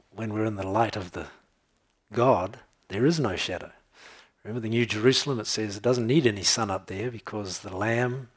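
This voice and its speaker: Male pastor, low husky voice, relaxed conversational preaching with humor. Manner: conversational, tells jokes and laughs, checks in with "okay?". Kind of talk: sermon.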